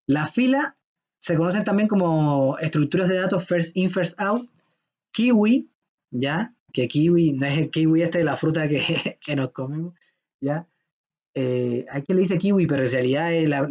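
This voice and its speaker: A man's voice: a little high, a little mellow. Chatty man giving a lo-fi lecture. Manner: chatty, joking, checks understanding with "¿ya?". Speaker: programming lecturer. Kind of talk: informal classroom lecture. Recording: dull lo-fi lecture recording.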